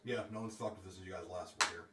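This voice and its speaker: A man narrating a tabletop game as game master in a casual, halting, sometimes profane way. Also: low voice, steady tone. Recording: roomy echo, faint background noise.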